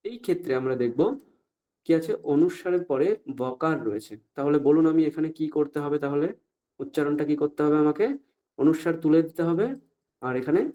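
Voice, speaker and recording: A man teaching Sanskrit pronunciation in an online class, often stopping to ask if everyone follows and saying the examples out slowly. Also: a little high, mellow. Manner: asks the class frequent check-up questions, slow deliberate recitation of examples.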